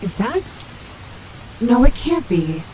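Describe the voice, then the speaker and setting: A woman's voice: on the high side, very animated, takes it slowly. A woman playing a female animatronic wolf in an audio roleplay, vain and sassy but protective and maternal, talking casually. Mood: puzzled, uneasy. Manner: sassy, casual, swearing, muttering asides to herself. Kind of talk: character audio roleplay, speaking to listener. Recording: heavy rain and thunder noise behind. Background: rainstorm sound effects.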